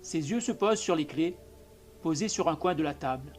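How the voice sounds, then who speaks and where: A man reading a short story aloud as an audiobook narrator, in a measured, calm manner. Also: on the high side, faint music behind. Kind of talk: scripted narration.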